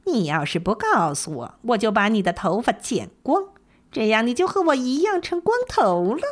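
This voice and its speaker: A woman's voice: a little high, big pitch swings, moderate pace. A woman voicing a greedy, sly old crone in a storybook reading.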